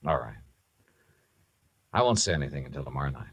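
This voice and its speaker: In a 1950s radio drama, a man plays the lead detective, a laconic insurance investigator with dry wit who also narrates. His exaggerated voice is a low, gravelly rumble with a breathy edge, sing-song and quick. The vintage recording includes music.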